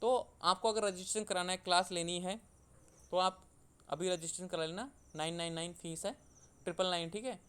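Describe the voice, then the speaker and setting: Clear-voiced man teaching an online class. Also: high voice, fairly even intonation, a little fast, pushed and bright. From India. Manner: explains step by step, repeating terms and simple glosses. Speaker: online tutor.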